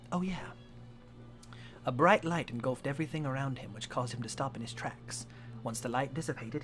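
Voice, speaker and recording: This rough recording captures a young man on a home live stream doing a comic dramatic reading of a fan story, swearing and laughing along the way. His voice is mid-range and a bit bright.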